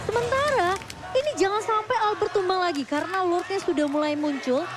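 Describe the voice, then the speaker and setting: Woman, Indonesian accent, very high pitch, live esports commentary, game analysis. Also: a little fast.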